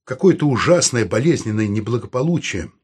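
A gloomy, sullen man, as an audiobook reader puts him on, speaking in short, grim phrases. His husky voice sits at a middle male pitch. Every line comes out clipped and dark in mood. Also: sing-song, a little fast. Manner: terse, sullen. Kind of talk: audiobook character reading.

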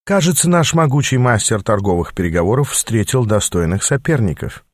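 A man's voice: fairly low pitch, animated, brisk, no echo, clean studio sound. A man voicing a bold, athletic young woman who speaks in a mocking, playful way. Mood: teasing.

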